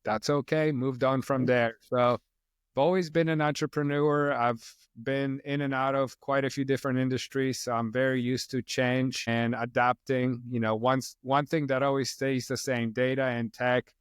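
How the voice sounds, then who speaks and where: Relaxed middle-aged man from Poland. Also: mid-range voice, moderate pace, smooth, no echo, clean studio sound. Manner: relaxed, rambling, frequent "you know" fillers. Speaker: podcast guest, company co-founder. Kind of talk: casual interview chat.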